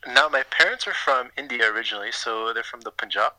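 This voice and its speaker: An easygoing man chats as a podcast guest and laughs often. His voice is very bright and sharp and sits at a middle pitch. The sound is dry, with no room around it. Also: quick pace, dry recording, poor audio. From Canada. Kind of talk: casual chat.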